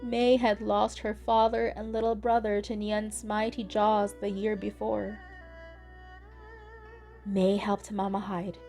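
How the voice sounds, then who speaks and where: A woman reading a children's picture book aloud in a gentle, deliberate way. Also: medium pitch. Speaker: storybook reader. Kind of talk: children's read-aloud narration. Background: soft instrumental music.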